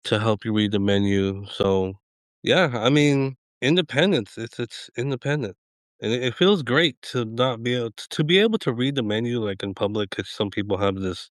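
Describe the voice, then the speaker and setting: A man's voice: medium pitch, expressive, normal speed, no room sound, studio quality. A middle-aged man hosting a podcast, chatting in a laid-back, rambling way and chuckling often. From Eastern Washington. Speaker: podcast host. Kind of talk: casual chat.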